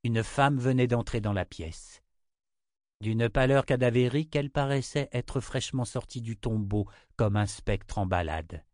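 A man narrating a dark fantasy audiobook in a steady, measured way. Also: medium pitch, dry recording, studio quality.

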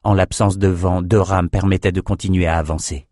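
A man narrating an audiobook in a steady, measured voice. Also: low voice, no room sound, studio quality.

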